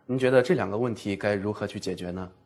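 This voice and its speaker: A man's voice: fairly low pitch, darkish tone. Man asking questions in a lesson. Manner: measured, asks questions and summarizes. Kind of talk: scripted teaching dialogue.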